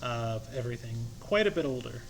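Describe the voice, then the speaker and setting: A man's voice: mid-range voice, lively intonation, a little fast, creaky, soft background music. A man improvising narration as game master of a tabletop role-playing game.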